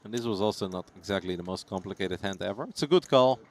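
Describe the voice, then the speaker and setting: A man's voice: low-pitched, quick pace. A man commentating on live poker in a casual, chatty, jokey and teasing way.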